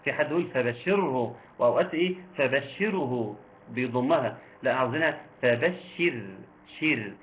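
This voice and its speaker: Man, Egyptian accent, recitation teacher, quizzes his class, slow drawn-out verses, tinny phone-like sound, faint hiss. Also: mid-range voice. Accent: Egyptian Arabic. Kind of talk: online tajweed lesson.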